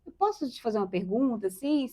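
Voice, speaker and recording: A woman's voice: fairly high pitch, very animated, fast talker, mellow. A woman hosting an interview, encouraging her guest and speaking to the audience directly. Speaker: interview host. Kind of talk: conversational interview.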